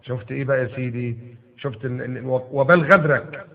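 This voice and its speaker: A man with an Egyptian Arabic accent preaching, retelling a story in lively colloquial bursts. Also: medium pitch, fairly quick, gravelly. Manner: animated, bursts into loud emphatic retelling. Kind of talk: sermon storytelling. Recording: tinny phone-like lo-fi audio.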